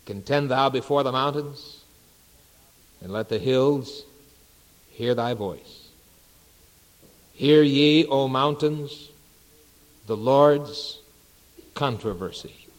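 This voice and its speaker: A male pastor leads his congregation through scripture and prayer at a slow, deliberate pace, leaving reverent pauses between phrases. His voice sits at an ordinary middle pitch. A long reverb trails every word in the large sanctuary. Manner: unhurried, measured preaching with reverent pauses. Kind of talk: sermon. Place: church sanctuary.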